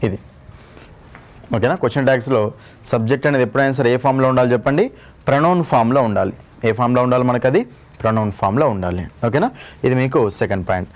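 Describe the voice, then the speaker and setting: A man's voice: medium pitch, fast talker. A man with a Telugu accent teaching an exam-prep English grammar lesson, repeating each rule and checking that students follow. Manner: repeats each rule and asks the class to confirm.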